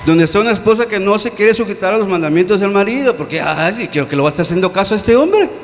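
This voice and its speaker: Male pastor, high voice, earnest questioning sermon delivery, long hall reverb. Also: expressive, fast talker. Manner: earnest, questioning, dropping low on key words. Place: church hall. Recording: long church-hall reverb with faint hum.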